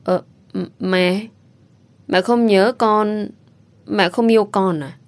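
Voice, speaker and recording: A woman's voice: mid-range voice, steady tone, slow. Woman doing a sweet eager little boy. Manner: pleading, childlike questions.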